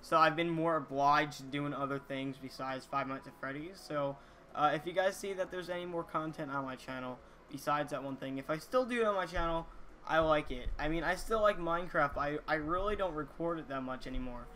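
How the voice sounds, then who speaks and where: A fourteen-year-old boy vlogging casually to viewers, talking in an earnest, halting way with repeated words. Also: on the high side, pushed and bright, a little hiss or hum. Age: teenager, 14. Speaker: YouTuber reading viewer comments. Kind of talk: casual chat to camera. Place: small indoor room, gaming chair.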